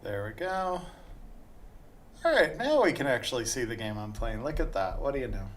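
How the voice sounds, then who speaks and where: A man's voice: mid-range voice, very animated, normal speed. A man giving casual, chatty commentary while playing a video game. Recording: faint background noise.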